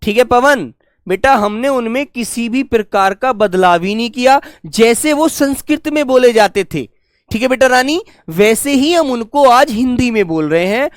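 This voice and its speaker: A male Hindi teacher giving a live online exam-prep class, speaking affectionately to his students and slowly repeating key phrases for them to write down. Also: very high voice, lively intonation, dry recording, clean studio sound.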